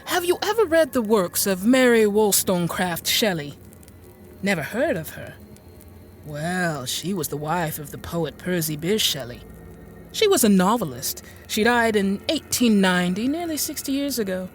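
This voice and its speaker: Here the radio-drama actress sounds very animated yet natural, her mid-range voice moving at normal speed over faint music. She plays a genteel, infirm middle-aged woman inventor, bookish and politely apologetic, whose monologue and dialogue are courteous, hesitant and old-fashioned.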